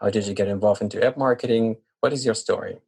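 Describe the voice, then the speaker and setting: A man hosting an interview podcast, measured and asking questions with brief "uh" fillers. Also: lowish voice, fairly even intonation, creaky, darkish tone, breathy edge. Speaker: podcast host.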